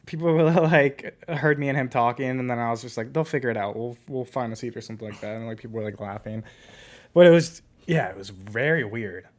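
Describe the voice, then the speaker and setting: A man's voice: mid-range voice, brisk. A man co-hosting a podcast, casually telling a rambling story full of filler words. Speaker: podcast co-host.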